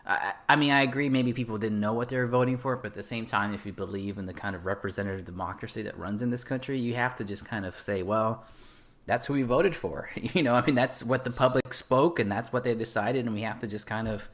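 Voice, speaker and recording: Mid-pitched American man chatting casually. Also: quick pace, a bit bright. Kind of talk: casual chat.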